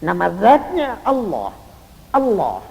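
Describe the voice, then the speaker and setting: An older man delivers a Quran exegesis sermon. His voice sits high and grainy with fry. He swings from loud stresses to hushed demonstrations, and the old recording rings with long hall reverb. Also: huge pitch swings, slow. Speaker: Islamic preacher.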